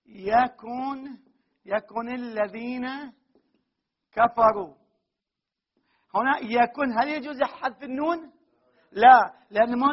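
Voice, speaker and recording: A man's voice: extremely high pitch, husky. A man teaching grammar in a classroom lecture, repeating key terms and asking the class questions he then answers himself. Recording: dull lo-fi recording.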